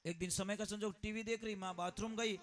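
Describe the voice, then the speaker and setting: At an education conference hall, a man with a high-sitting voice preaches a moral sermon at a fairly quick clip, his tone steady. He acts out family stories, shifting his voice dramatically.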